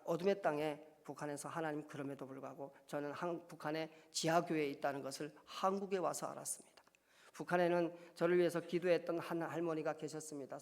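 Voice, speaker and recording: Man preaching his testimony in reverberant church. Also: fairly high pitch. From North Korea. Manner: earnest, swelling to impassioned cries. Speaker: pastor. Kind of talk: testimony sermon. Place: church sanctuary. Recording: long reverb of a church hall.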